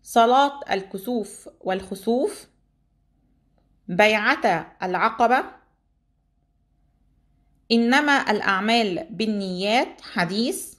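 A woman's voice: medium pitch, takes it slowly, long pauses, a bit bright. A woman teacher with an Egyptian Arabic accent, steadily reading out a list of exam topics for students.

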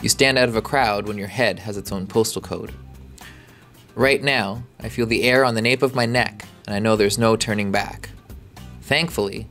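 A man reporter reading a scripted voice-over in a calm, reflective way. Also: on the low side. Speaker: reporter narrating his story.

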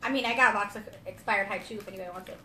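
A woman's voice: medium pitch, racing, sharp tone. A woman co-hosting a casual live candy review, chatty and full of "like". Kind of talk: casual live-stream chat. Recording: echoey room, faint noise.

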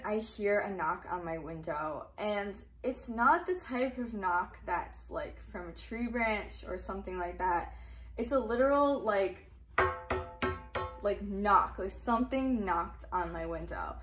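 A woman's voice: medium pitch, lively intonation, measured pace, a little hiss or hum. A young woman telling a personal story in a casual, chatty way, full of fillers. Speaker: YouTuber.

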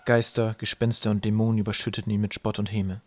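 A man reading an audiobook aloud in a measured storytelling manner. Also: lowish voice, level tone, a little hiss or hum. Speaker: audiobook narrator. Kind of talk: scripted narration.

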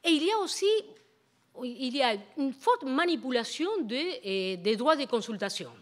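High-pitched Spanish-accented woman lecturing in French. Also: expressive. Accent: Latin American Spanish. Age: middle-aged. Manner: halting, searching for words in a second language. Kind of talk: public academic lecture. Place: indoor lecture hall at a university. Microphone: handheld-type microphone on a stand.

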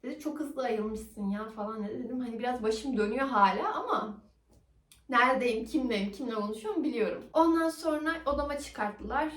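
A young woman vlogger telling a personal story in a casual, animated way, acting out the dialogue. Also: fairly high pitch, fairly quick, distant mic. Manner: animated, acts out quoted dialogue. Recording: roomy echo, somewhat off-mic.

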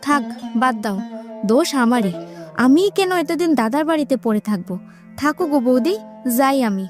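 A woman's voice: sits high, expressive, normal speed, a little mellow, faint music behind. A woman voicing a greedy, sulky grown aunt in a cartoon, with a whiny, plaintive way of talking.

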